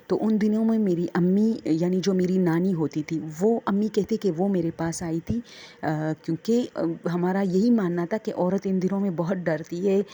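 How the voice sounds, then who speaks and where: Soft-voiced woman telling ghost stories. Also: fairly low pitch, breathy edge. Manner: hesitant, many fillers and pauses. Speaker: storyteller. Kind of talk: casual spoken storytelling.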